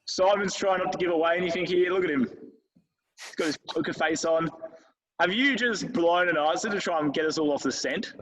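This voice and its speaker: A man's voice: on the high side, a little fast, fairly bright tone, low-quality recording. A man hosting a casual podcast quiz, reading out questions and teasing his co-hosts. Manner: playful, teasing, reads questions aloud. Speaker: quiz host.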